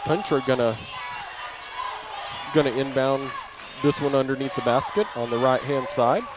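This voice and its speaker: Over a crowd in the background, a play-by-play announcer with a mid-range voice delivers running, clipped basketball commentary at a moderate pace. Ball bounces and game noise ring clearly through the noisy gym.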